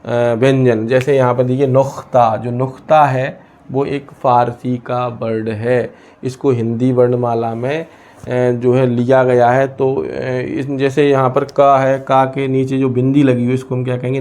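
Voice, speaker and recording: A man teaching a lesson from India, pausing often and asking questions he then answers himself. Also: mid-range voice, little pitch movement, a little mellow. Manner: asks and answers his own questions, many hesitations. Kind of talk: explaining a lesson.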